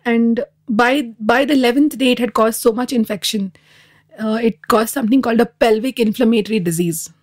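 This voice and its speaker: Her voice is a little high and her pace brisk. She is in her thirties, comes from Dubai, and shares her own experiences candidly and thoughtfully as a guest on a podcast interview.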